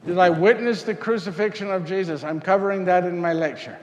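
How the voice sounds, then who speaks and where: A man's voice: high voice, brisk, close to an everyday voice. A man playing Saint Luke as an earnest Greek physician, speaking in character and answering audience questions in a rambling, repetitive way. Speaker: costumed presenter. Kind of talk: first-person character talk with audience. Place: parish hall before an audience. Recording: echoey hall, faint noise.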